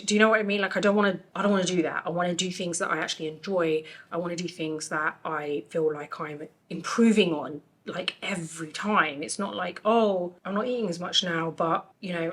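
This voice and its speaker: A woman's voice: on the low side, fairly bright tone. A woman vlogging in a casual, chatty way, her voice a little worn and not fully back after being ill. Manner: informal and conversational, frequent checking tags like "you know". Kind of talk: casual chat to camera.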